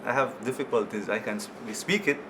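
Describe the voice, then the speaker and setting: A man's voice: medium pitch, fast talker. A man with a Belizean Creole accent explains and demonstrates phrases conversationally, often tagging them with "you know". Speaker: guest teaching Creole phrases. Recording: noisy room with air-conditioning hum.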